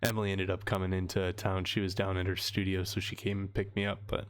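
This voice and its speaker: A young man chats casually on a livestream from his home, the shelves of books behind him. His voice sits a little low, and he rambles easily and laughs often. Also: monotone, fast talker. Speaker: livestream host.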